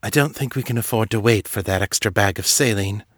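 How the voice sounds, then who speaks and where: A man reading a brisk, assured vampire woman. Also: lowish voice, a bit bright, no echo, clean studio sound. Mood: calm. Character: strong, composed female vampire.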